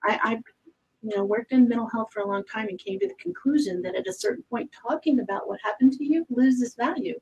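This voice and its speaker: Lively, gravelly-voiced woman co-host. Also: high voice, fairly quick, lo-fi sound. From Arizona. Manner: reflective, emphatic, hesitant restarts. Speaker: psychic medium co-host. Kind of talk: casual panel chat.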